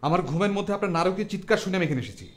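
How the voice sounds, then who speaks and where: A man's voice: high voice, racing, echoey room, close to an everyday voice. Man playing an earnest, formal poor writer. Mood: pleading. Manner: formal, earnest, pleading speech. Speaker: tenant. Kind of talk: TV drama acting.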